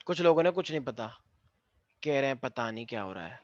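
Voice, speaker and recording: A man's voice: mid-range voice, animated, fast talker, a little mellow, no echo. A man teaching physics to a class, teasing and speaking straight to the students, with English phrases mixed into his lecture. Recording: dull lo-fi classroom recording.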